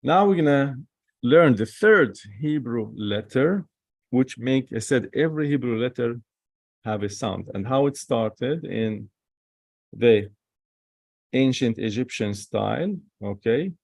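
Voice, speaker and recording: A man teaching the Hebrew alphabet, repeating each sound slowly and with non-native phrasing. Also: medium pitch, lively intonation, creaky, a little mellow, dry recording, studio quality. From Holy Land. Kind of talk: classroom lesson.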